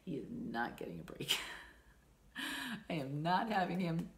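A stitching vlogger in her 40s chats casually to camera from a small room at home, her low voice stuffy-nosed and a bit bright, with wildly swooping pitch and a slightly slow pace. She rambles chattily with frequent ums and laughs, recorded by a camera in front of her at desk distance.

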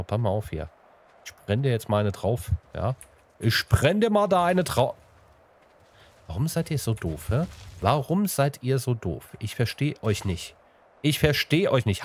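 A let's play host narrates his own gameplay in a mid-range voice, with a little hiss or hum in the background. He's casual and chatty, talking to the animals and his viewers and slipping into playful sing-song bits.

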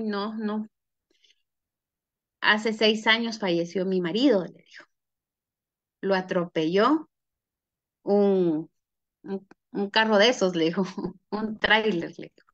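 Guatemalan lady spinning a folk tale, chatty, muffled lo-fi call sound. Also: mid-range voice. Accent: Guatemalan Spanish. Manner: folksy, tags lines with "¿verdad?". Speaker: guest storyteller. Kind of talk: casual oral storytelling of a legend.

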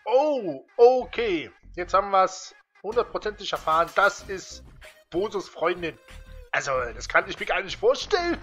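A man's voice: sits high, big pitch swings, moderate pace, fairly bright tone, faint music behind. A man casually commenting while playing a game, laid-back and amused, chatty with lots of fillers. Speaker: let's play host.

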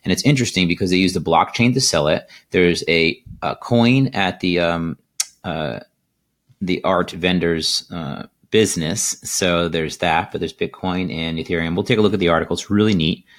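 A middle-aged man hosting a casual crypto video, talking in a relaxed, rambling way with many fillers, recorded at his desk on a computer mic. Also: deep voice, moderate pace. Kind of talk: casual market commentary. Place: indoors at a desk.

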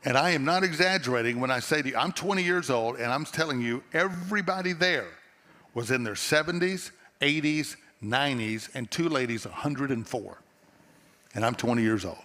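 A man's voice: medium pitch, normal speed, bright, forceful tone. A middle-aged man with a Texan accent preaching a sermon on a church stage in an earnest, conversational storytelling manner, often restarting his phrases, through a headset mic. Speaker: pastor. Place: large church stage before a seated audience. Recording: long hall reverb from a church auditorium.

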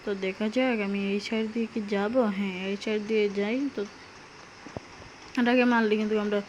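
A young woman with a Sylheti Bengali accent giving chatty, excitable commentary on a mobile game, talking straight to her viewers. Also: medium pitch, brisk, muffled recording, slight background noise. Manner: chatty, excitable, addresses viewers, frequent exclamations. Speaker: gaming YouTuber.

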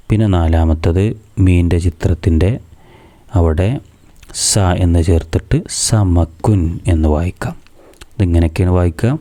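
Patient low-voiced man teaching children. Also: warm tone. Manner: patient, asks questions then answers them himself. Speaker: madrasa teacher. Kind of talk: step-by-step reading lesson for young children.

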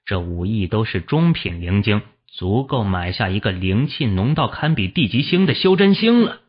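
A man narrates a fantasy novel as an audiobook, telling the story steadily at a moderate pace and voicing the characters. His voice is low and a bit husky, and the recording sounds dull and lo-fi.

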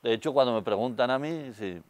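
A man's voice: medium pitch, a little fast, no room sound. An older man with a Spanish accent from Spain, a guest telling stories in a studio interview, on a lapel mic. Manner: storytelling, gestures with hands, many fillers. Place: TV studio set.

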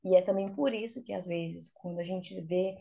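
Gravelly, low-voiced Brazilian woman teaching. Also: normal speed, mellow. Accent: Brazilian Portuguese. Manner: patient, teacherly, explains step by step. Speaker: English teacher. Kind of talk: explaining in a casual interview. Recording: dull, lo-fi sound.

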